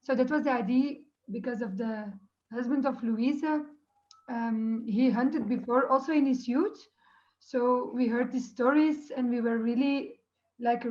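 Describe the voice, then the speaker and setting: Female filmmaker, Dutch accent, high soft-toned voice, casual interview storytelling, slightly muffled. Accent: Dutch or Flemish. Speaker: documentary filmmaker. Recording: slightly muffled online-call audio.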